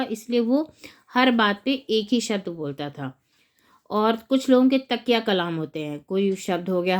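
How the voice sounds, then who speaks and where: A woman's voice: mid-range voice, a little mellow. A woman teacher walking through a school textbook lesson, breaking words into separate syllables as she explains. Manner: slow, spelling words out syllable by syllable.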